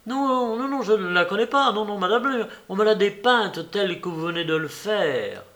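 A man's voice: sits high, lively intonation, moderate pace, fairly bright tone, pitched above the performer's own voice. A flustered young man stammers and hurries his words in a raised voice, played by a man reading a story. He sounds nervous and eager to get away.

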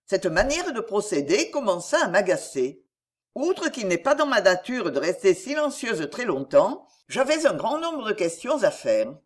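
A woman narrating a novel aloud in an expressive reading voice. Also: medium pitch, normal speed. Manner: expressive, shaping the dialogue. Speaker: audiobook narrator. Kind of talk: storytelling narration, read aloud.

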